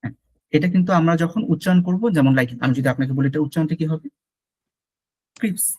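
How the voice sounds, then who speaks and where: Husky male teacher repeating sounds slowly. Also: on the high side, a little mellow. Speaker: French language teacher. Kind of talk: online lesson mixing Bengali and English.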